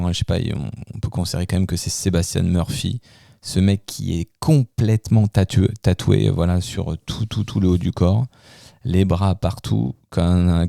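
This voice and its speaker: A man's voice: deep voice, vocal fry, warm tone, no room sound, clean studio sound. A man hosting a radio music show, chatting casually about songs and hesitating often with fillers and restarts. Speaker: radio host presenting music. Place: radio studio.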